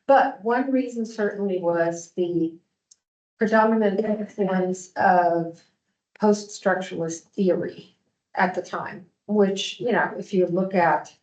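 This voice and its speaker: A woman in her fifties from Germany, a panel speaker explaining her work in a fluent, measured way. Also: medium pitch, darkish tone. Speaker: invited speaker. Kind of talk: academic panel answer. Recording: echoey dull sound.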